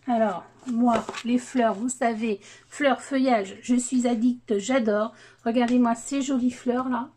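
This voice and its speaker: A woman's voice: on the high side, mellow. A woman casually showing craft papers, hesitant and full of fillers, gushing over the patterns. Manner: hesitant, many fillers, enthusiastic about papers. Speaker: crafting vlogger. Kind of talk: casual unboxing chat.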